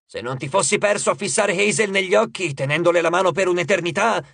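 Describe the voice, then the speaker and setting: A man voicing a gruff, hot-tempered male satyr coach who barks orders in an audiobook. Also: sits high, quick pace, no room sound, exaggerated voice. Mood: gruff shouting. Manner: barking, shouting orders.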